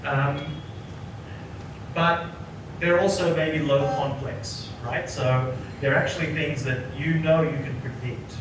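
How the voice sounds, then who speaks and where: A man in his forties, from Sri Lanka, gives an interactive workshop talk, tagging "right?" onto his points. His voice sits a little high and is heard from some way off the mic in a very echoey room. Steady background noise runs under the recording. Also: slow, distant mic. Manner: keeps checking in with the audience by asking "right?". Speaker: psychologist giving an executive workshop.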